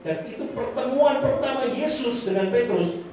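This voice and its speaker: A man preaching a sermon, swinging between loud rises and hushed passages. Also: very high-pitched, animated, normal speed. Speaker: speaker. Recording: far-off mic in a very echoey hall with music.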